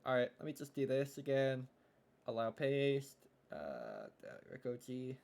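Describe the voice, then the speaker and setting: Young man, live streamer, casual, thinking aloud, mumbled asides, medium pitch, mouse clicking behind. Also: big pitch swings, measured pace, vocal fry, a little mellow.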